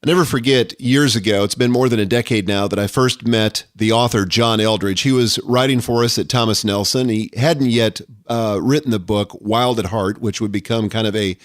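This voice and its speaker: A man's voice: lowish voice, moderate pace, few pauses, no room sound, clean studio sound. A middle-aged man hosting a solo podcast, speaking earnestly and reflectively about leadership. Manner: earnest, reflective, quotes scripture. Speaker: podcast host.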